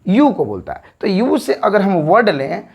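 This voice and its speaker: A woman teaching an English grammar lesson at a whiteboard, repeating words slowly and checking understanding with quick questions. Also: medium pitch, huge pitch swings, gravelly, darkish tone, slightly rough.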